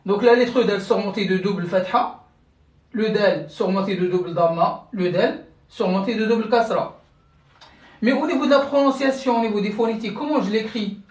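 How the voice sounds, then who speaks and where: Speaking at a normal speed in a mid-range voice with a darkish tone, this teacher leads a live-streamed language lesson. The explanations go patiently step by step, with frequent check-ins with viewers and words often restarted and repeated. It's recorded away from the mic, giving a roomy sound.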